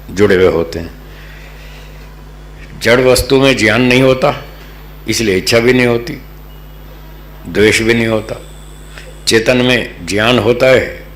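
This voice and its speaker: Man, from Delhi, spiritual teacher, patient explanatory discourse, echoey lecture hall. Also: medium pitch. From Delhi, North India. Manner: patient, explanatory, repeats key terms. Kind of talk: religious philosophy discourse. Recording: echoey hall with faint hum.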